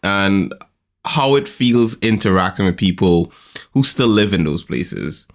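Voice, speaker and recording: A man's voice: deep voice, animated, unhurried. A man co-hosting a podcast, chatting casually and rambling with many fillers. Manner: rambling, leans on fillers like um and you know. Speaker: podcast co-host. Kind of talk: casual chat.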